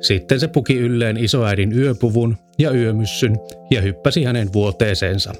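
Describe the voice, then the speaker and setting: A man reading a children's fairy tale aloud in a calm, measured storyteller's way. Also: lowish voice. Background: faint music.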